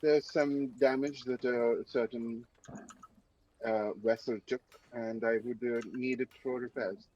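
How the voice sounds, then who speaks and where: A man in a tabletop game who speaks in a courtly, formal style. His mid-pitched voice sounds muffled and lo-fi. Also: steady tone, measured pace, warm tone. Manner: formal, courtly in-character speech. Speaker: player.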